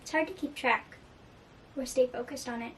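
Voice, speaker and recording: A young woman with a high voice chats earnestly about music in a casual reaction video, dropping in plenty of fillers. She sits a little back from the mic, so the sound sits at a distance. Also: moderate pace. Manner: earnest and chatty, with frequent fillers.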